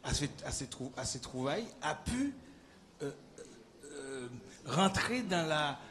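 A man in the audience puts a question to the speaker, stalling and restarting as he searches for the right words. His voice sits fairly high for a man. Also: sing-song, slow, fairly bright tone, a little hiss or hum. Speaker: audience member asking a question.

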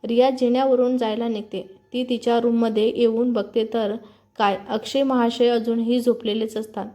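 A woman reads a family story aloud in a calm, steady way. Her voice is mellow and a little high, and stays flat with little rise and fall. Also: moderate pace. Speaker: story narrator. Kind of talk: scripted story narration.

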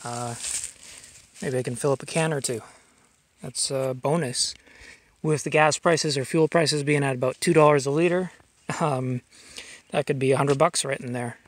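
A man's voice: medium pitch, normal speed, pauses often. A young man casually narrating an outdoor vlog on a handheld camera, rambling with many fillers as he thinks aloud. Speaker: vlogger showing a fuel tank. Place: outdoors in a grassy yard. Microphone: handheld camera mic.

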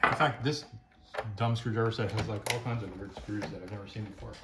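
The teardown host speaks at medium pitch, a little fast, with fairly even intonation, giving casual, rambling hands-on commentary about gadgets that is wry and mildly profane. It's recorded in a noisy room where tools click nearby.

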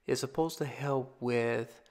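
Male vlogger, mid-pitched, casual rambling product review with frequent restarts. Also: slow, a little mellow. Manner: rambling, repeats himself, restarts phrases. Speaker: tech reviewer.

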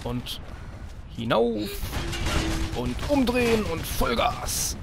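High lively gamer dude yelling at his character, gravelly edge, game music behind. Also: slow. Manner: yelps, swears and shouts orders at the game character. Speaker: let's play host. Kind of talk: excited gameplay commentary.

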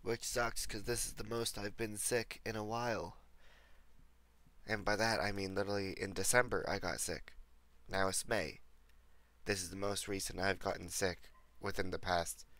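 Young male streamer, getting over a cold, rough gravelly voice, chatty and rambling. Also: deep voice, fairly even intonation, moderate pace, pauses often, a bit bright, no echo. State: recovering from a cold. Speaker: livestreamer. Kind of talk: casual gameplay commentary.

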